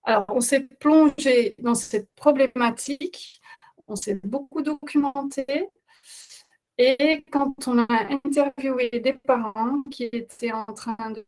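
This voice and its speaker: A parenting coach in her middle years leads a webinar, speaking earnestly but with frequent hesitations and fillers. Her accent marks her as a non-native speaker of French; her high, slow voice is a little mellow, and the recording quality is low.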